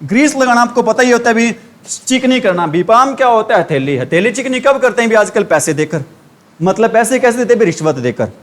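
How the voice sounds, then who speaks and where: A very high-pitched man with a Haryanvi Hindi accent teaches English idioms to a class. He keeps posing quick questions and then answers them himself, his voice dropping lower for each answer. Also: animated. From India.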